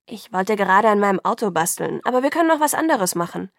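A woman's voice: mid-range voice, sing-song, quick pace, gravelly, no echo, studio quality. A woman reading the lines of a cheerful, eager teenage boy in an audiobook, friendly and a little proud.

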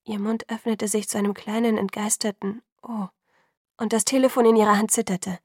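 A woman narrating an audiobook in the first person, measured and sometimes hushed. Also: mid-range voice, fairly even intonation, no echo, studio quality.

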